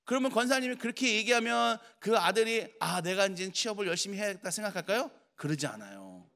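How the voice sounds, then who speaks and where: A male pastor preaching in a church, his voice sitting high for a man. He talks with lots of swing in pitch, acting out the people he quotes with lively voices. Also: quick pace, creaky. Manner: animated, acts out quoted mothers and children in lively voices. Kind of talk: sermon.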